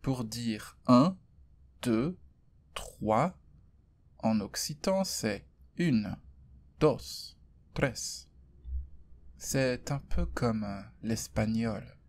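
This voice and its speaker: Young guy teaching french super slowly, clear words, dry little jokes. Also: medium pitch, animated, a little mellow. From Brittany, France. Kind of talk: slow podcast lesson for learners.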